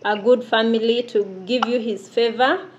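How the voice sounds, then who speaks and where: A woman's voice: a little high, steady tone, moderate pace, highs cut off. A woman in her thirties, giving an interview as a domestic worker, earnest and given to laughing. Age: 30s. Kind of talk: casual interview. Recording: noisy background.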